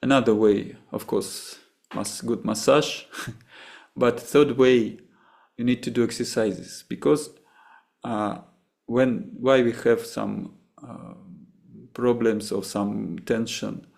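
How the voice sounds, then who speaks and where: This Russian-accented man from Russia teaches meditation and, after a session, answers questions haltingly, restarting repeatedly as he seeks the words. His medium-pitched voice is creaky and darkish, with fairly even intonation.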